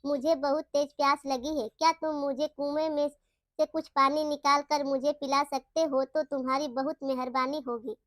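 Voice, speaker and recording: A woman voicing a kindly old wandering holy man in a storybook tale, speaking gently. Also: high voice, level tone, normal speed, dry recording. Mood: gentle. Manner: gentle, blessing tone.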